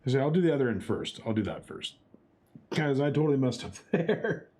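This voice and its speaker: Streaming for a good cause, this young man banters casually with his chat while attempting a chopsticks challenge, calling out each move with playful outbursts. His mid-range voice is very animated and a little fast, with some vocal fry and a mellow quality.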